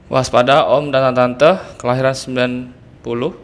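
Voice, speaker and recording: A man hosting a reaction video, making chatty, amused asides to his viewers. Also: mid-range voice. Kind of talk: casual reaction commentary.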